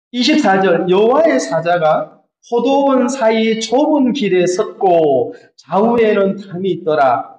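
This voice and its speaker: Animated high-voiced pastor preaching. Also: male voice. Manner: animated, asks the congregation questions. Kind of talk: sermon. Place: church sanctuary. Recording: echoey church hall, dull lo-fi sound.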